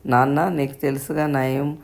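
A woman voicing a strong-willed, pampered young daughter in a read-aloud story, sulky and teasing, with a flat, creaky voice. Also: very deep voice, normal speed. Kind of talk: storybook narration.

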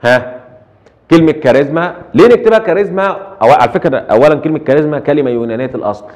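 A man's voice: on the high side, rapid-fire, a little mellow. A middle-aged man with an Egyptian accent giving a translation lecture, asking rhetorical questions and dropping English terms into his Arabic. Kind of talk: recorded lecture.

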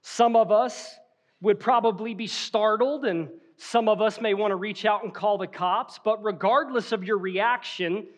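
A man's voice: high-pitched, fairly bright tone. A man preaching a sermon as pastor, telling vivid stories and acting out quoted lines in a church. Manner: storytelling, acting out scenes with quoted voices. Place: church sanctuary.

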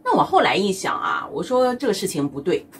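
A woman's voice: medium pitch, sing-song, fairly quick, slight background noise. A woman from China, doing a chatty, teasing comedic monologue as a vlogger and laughing often. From mainland China.

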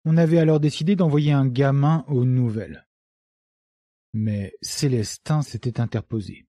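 A man's voice: mid-range voice, dark tone, dry recording, lightly acted. A man doing a grave old villager recalling. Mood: reminiscing. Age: older. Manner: slow, reminiscing storyteller.

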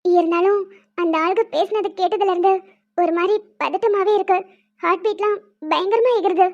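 A fretful, sulky young bride-to-be in a cartoon, voiced by a woman. The voice is extremely high and thin, and the recording sounds dull and lo-fi. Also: steady tone, normal speed, darkish tone. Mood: worried. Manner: fretful, sulky, mock-quarrelsome. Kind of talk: animated cartoon dialogue.

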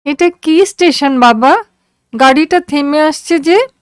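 A woman voicing a sweet, playful, feverish seventeen-year-old girl in a high, childlike, drawn-out voice. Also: no room sound, clean studio sound.

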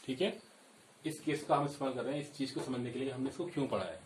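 Speaking quickly at a medium pitch, a young teacher explains things step by step at a classroom chalkboard, often asking "okay, kids." A camera set back from the board picks him up from a distance in an echoey room, leaving him a bit off-mic with slight background noise.

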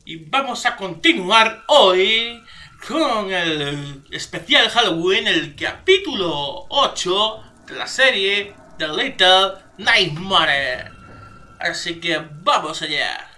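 High, bright-voiced Spanish gamer man. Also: takes it slowly. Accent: Spain Spanish. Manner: excitable, swears and shouts when startled. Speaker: gaming youtuber. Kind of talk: let's play commentary.

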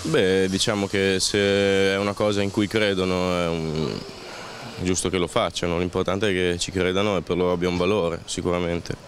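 Deep flat-voiced man on the street. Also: moderate pace, a little hiss or hum. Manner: calm, reasoned, reflective. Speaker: street interviewee. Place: outdoors on a busy town street. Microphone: handheld interviewer mic.

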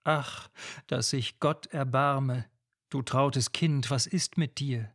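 A man's voice: mid-range voice, steady tone, slow pace, a bit bright. A man voicing a pious old mother who pleads and prays with her daughter in a classic ballad reading. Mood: pleading. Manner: imploring, praying.

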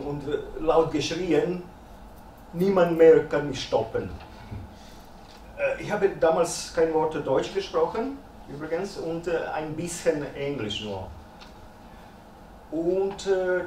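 With a fairly high, slightly mellow voice, a fiftysomething man from Croatia delivers a halting lecture in his second language, German, heavy with "äh" fillers. He's a guest speaker in a dim lecture salon with a projector and a small crowd, picked up by a far room camera in an echoey space with faint noise.

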